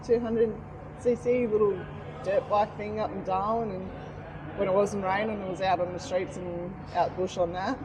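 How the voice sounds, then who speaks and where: A woman in her forties with an Australian accent, chatting casually about riding, slangy and quick to laugh. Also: medium pitch, steady tone, a crowd in the background, low-quality recording. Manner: laid-back, slangy, laughs often. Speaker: podcast guest, motorcycle rider. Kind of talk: casual chat.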